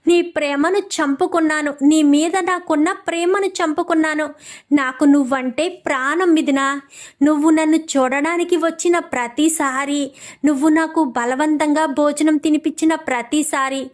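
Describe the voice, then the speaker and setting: A woman voicing an anguished young husband pleading and confessing his love. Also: high-pitched.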